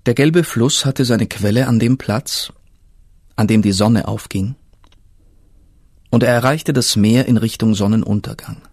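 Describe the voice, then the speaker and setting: Husky man reading a fairy tale. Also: mid-range voice, a little mellow, no echo, clean studio sound. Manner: slow, measured storytelling. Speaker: narrator. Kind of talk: scripted fairy-tale narration.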